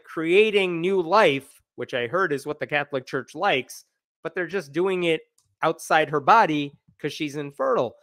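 Animated sarcastic man on a livestream. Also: fairly high pitch, no room sound, clean studio sound. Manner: animated, sarcastic, talks with his hands. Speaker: livestream host and commentator. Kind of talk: casual commentary livestream. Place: small room indoors. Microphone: wired earbuds with dangling mic and desk mic.

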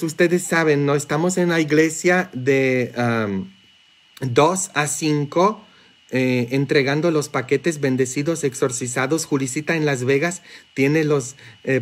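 A Mexican priest delivers a homily in a loose, joking manner, tossing in quick asides to the congregation. His voice sits a little high for a man. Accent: Mexican Spanish. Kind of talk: sermon.

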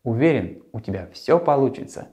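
A man in his thirties presenting to a young child as a children's show host, speaking in a friendly, simple and deliberate way into a lapel mic. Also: medium pitch, very animated, darkish tone. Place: small furnished room, later a martial arts hall.

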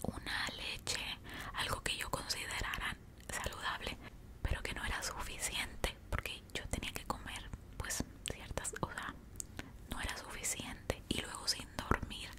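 A young woman with a Mexican accent whispers a casual ASMR storytime while chewing gum, close to a desktop microphone. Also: measured pace. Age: young adult. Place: small indoor room. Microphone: large desktop microphone up close.

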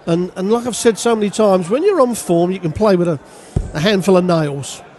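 A man's voice: high-pitched, lively intonation, fairly quick, background noise. A man co-commentating on a darts match, giving chatty, opinionated analysis of the players. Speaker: darts pundit. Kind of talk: live sports commentary.

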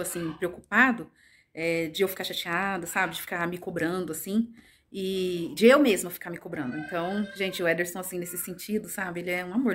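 A Brazilian woman with a Brazilian Portuguese accent, chatting casually to her phone camera as a vlogger, confiding, with many fillers and tag questions. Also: on the low side.

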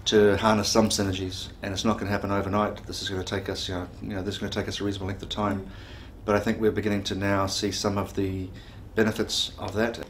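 A man's voice: lowish voice, flat delivery, fast, hardly any pauses. A man in his forties giving interview answers as a company chief executive. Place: office, indoors.

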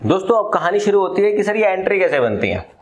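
Guy in his 40s teaching accounts, tells it like a story, voice a bit high. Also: big pitch swings, fast, rough recording. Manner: storytelling, mixing Hindi and English. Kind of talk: classroom lesson.

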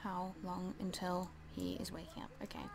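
A woman's voice: on the low side, completely flat delivery, normal speed, creaky, a crowd in the background, poor audio. A woman casually commenting as she plays a life simulation game, chatty and hesitant, full of ums, and talking to the game characters. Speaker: let's play gamer.

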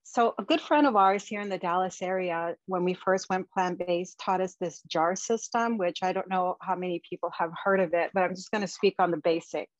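A woman's voice: lowish voice, a little fast, hardly any pauses, dry recording. A woman presenting slides over a video call, giving practical tips in a conversational way with frequent ums. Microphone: video call webcam. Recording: dull, dry webcam audio.

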